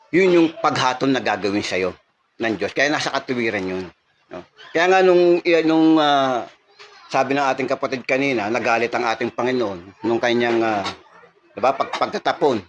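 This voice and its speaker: A man's voice: medium pitch, fairly bright tone, slight background noise. A man preaching a sermon, earnest and building into emphatic teaching.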